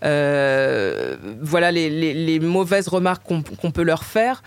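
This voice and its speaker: A woman's voice: low-pitched, very animated, slow, clear, resonant tone, no room sound. A woman in her forties from the Paris suburbs with a suburban Parisian accent, answering interview questions hesitantly with many fillers. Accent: Paris suburban French. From Paris suburbs, France. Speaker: author and interviewee.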